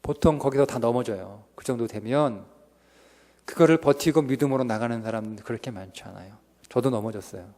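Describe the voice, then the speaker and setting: A male pastor preaching a revival sermon, swinging from loud outbursts to whispers, recorded in a church sanctuary. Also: mid-range voice, fairly quick. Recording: reverberant church hall.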